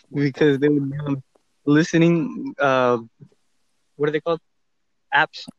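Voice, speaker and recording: A young man co-hosting a podcast over his phone and earphones, telling a story in a laid-back, halting way. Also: on the high side, fairly even intonation, dry recording, highs cut off. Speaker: podcast co-host. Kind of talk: casual chat. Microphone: earphones on a phone call.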